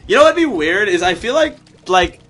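A man's voice: high voice, big pitch swings, moderate pace, fairly bright tone, faint music behind, pitched above the performer's own voice, heavily acted. A man voicing a bubbly, airheaded Buddhist monk with a Valley Girl accent, full of "like" and "totally.". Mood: ditzy. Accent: California Valley Girl. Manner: ditzy, peppered with "like" and "totally". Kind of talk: improvised comedy bit.

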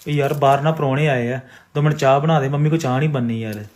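A speaker pleading in a hushed voice in a comedy sketch. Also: medium pitch, steady tone, fast talker, noisy background.

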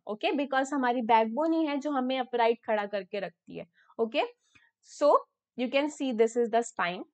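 A woman science teacher with an Indian English accent gives an online lesson. She mixes English and Hindi and keeps checking with "okay?". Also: a little high. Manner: filler-heavy, repeats terms slowly for students.

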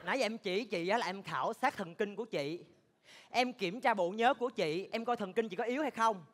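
A man doing a shrill old gossip woman. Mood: teasing. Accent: Southern Vietnamese. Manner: sharp-tongued, rapid, exaggerated gossip. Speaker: comedian in a stage sketch. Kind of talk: stage comedy sketch acting.

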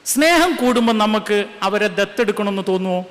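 High-voiced man preaching in an echoey hall. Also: lively intonation, fairly quick, fairly bright tone. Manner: rhetorical questions, urging the crowd to answer aloud. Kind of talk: sermon to a congregation. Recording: echoey hall with faint ambience.

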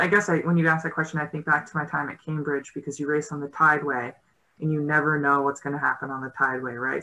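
A woman with a low voice that sounds pushed and bright comes through on a rough recording. She's a guest rower in her thirties on a casual panel, joining by video call with a laptop mic from a room at home, and she speaks thoughtfully, hesitating often and using plenty of fillers.

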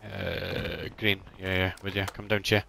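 A man in casual squad voice chat, giving quick, clipped tactical callouts to teammates during a shooter game. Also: low voice, flat delivery, gravelly, pushed and bright. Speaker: gamer calling out plays. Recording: game noise behind, gunfire.

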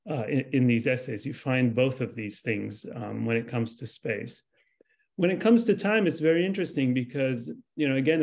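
Gravelly man on a video call. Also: mid-range voice, a little mellow. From Lebanon. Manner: thoughtful, hesitant with many fillers and restarts. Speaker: translator. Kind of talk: video call panel discussion. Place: home room with framed pictures. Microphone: video call webcam.

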